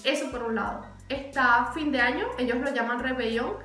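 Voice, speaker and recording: A woman's voice: sits high, steady tone, normal speed, pushed and bright. A young woman chatting animatedly as a vlogger, repeating words for emphasis. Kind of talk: casual chatty explainer. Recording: echoey room.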